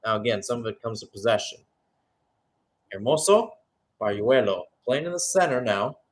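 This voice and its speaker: Calling a football match live in radio fashion, this play-by-play commentator mixes descriptions of the action with chatty analysis, sometimes hesitating or correcting himself. His mid-range voice is sing-song, and his pace is normal.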